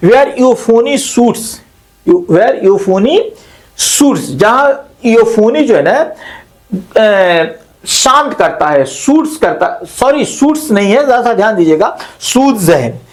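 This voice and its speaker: A male literature teacher gives a slow classroom lecture, explaining each term and repeating it in Hindi, with frequent pauses and self-corrections. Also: extremely high pitch, lively intonation.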